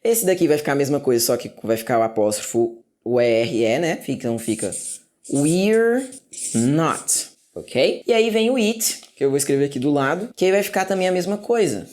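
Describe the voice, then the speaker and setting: A man from Brazil teaching an English grammar lesson in a casual classroom style. He talks to the viewers, says key words slowly and often checks in with "ok?". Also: medium pitch, lively intonation, darkish tone. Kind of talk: casual classroom explanation at a whiteboard.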